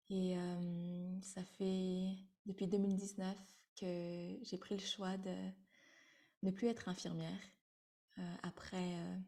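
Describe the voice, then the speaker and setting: A Vietnamese-born woman in her thirties leads an online spiritual sharing circle, speaking in an unhurried, meditative way. Her soft, dark-toned voice holds a level, even pitch, and she often hesitates and repeats words while searching for them.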